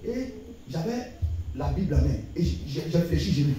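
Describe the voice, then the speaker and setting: A man giving a church testimony, telling it in an animated way with many repetitions and stammers. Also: a little high, moderate pace, soft background music. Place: church hall. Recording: echoey church hall mic from a distance.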